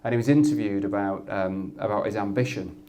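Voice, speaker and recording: A loud man from Yorkshire, fairly low-pitched and fairly quick, speaks as head of media effectiveness on a live industry event panel. He's thoughtful, often restarting sentences and repeating words as he works out his points.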